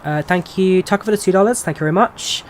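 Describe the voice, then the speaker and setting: Slight background noise sits behind a high-pitched, fast-talking male voice: an English-accented flight sim streamer in his twenties from England. He casually fields viewer questions on a live stream, easygoing and talkative, often saying um.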